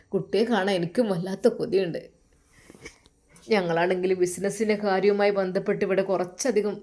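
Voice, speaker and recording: A woman's voice: mid-range voice, warm tone, close to an everyday voice. A woman voicing a loving middle-aged father who speaks tenderly to his daughter over the phone in a told story. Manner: tender, coaxing.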